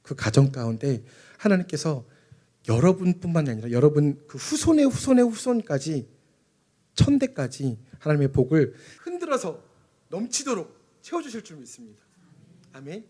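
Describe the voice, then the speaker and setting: A young man preaching a lively sermon at a church, asking the congregation questions and acting out quotes. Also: on the high side, normal speed. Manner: animated, asks the congregation questions and acts out quotes. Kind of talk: lively family-worship sermon. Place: church sanctuary.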